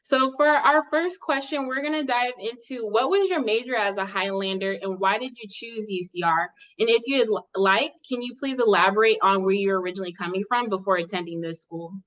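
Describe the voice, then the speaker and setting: A woman's voice: medium pitch, fairly quick, hardly any pauses, a bit bright, lo-fi sound. A woman hosting a podcast, reading a scripted intro and asking interview questions in a friendly way. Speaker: podcast host.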